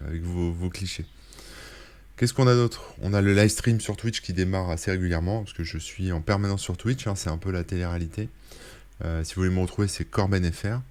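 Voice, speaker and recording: A man's voice: low voice, a little mellow. A French man hosting a casual weekly roundup of tech links, rambling with many fillers and self-corrections. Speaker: tech blogger and streamer. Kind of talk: casual screen-share link roundup.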